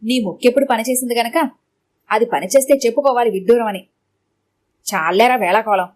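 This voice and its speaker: A woman's voice: a little high, natural voice. Storybook grandmother, old and teasing, blunt and mocking in tone; played by a woman reader.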